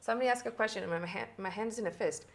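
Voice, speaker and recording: A woman's voice: medium pitch, racing, creaky, crowd noise. A woman who works as a somatic intimacy coach, explaining her work in an earnest way during a casual conversation.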